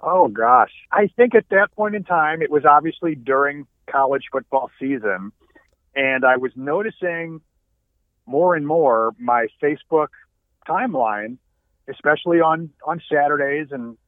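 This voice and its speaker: A man's voice: fairly high pitch, measured pace, dry recording. Man talking over a tinny phone line. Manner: laughs while telling a story. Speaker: radio show guest. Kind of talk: casual chat.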